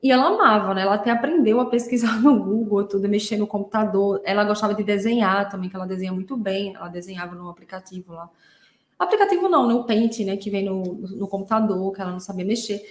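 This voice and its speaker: A woman's voice: mid-range voice, fast talker, roomy sound, a little hiss or hum. A woman from Brazil, a therapist hosting a podcast, talking casually and telling stories with many fillers. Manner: chatty, storytelling, many fillers like "né". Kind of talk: casual monologue.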